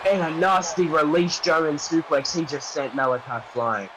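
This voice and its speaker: A man doing wrestling play-by-play commentary, calling the action with excitable, dramatic phrases and rhetorical questions. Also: a little high, moderate pace, noisy background.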